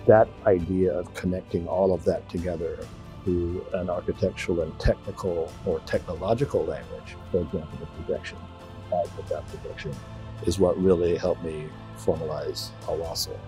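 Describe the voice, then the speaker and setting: Architect, very deep voice, reflective delivery, music bed behind. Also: male voice, fairly even intonation, normal speed. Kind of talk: interview.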